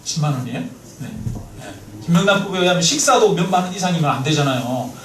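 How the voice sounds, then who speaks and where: A male pastor preaching a sermon in a church, lively, often asking the congregation questions. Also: fairly high pitch, fast talker. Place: church sanctuary. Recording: roomy, mic at a distance, faint noise.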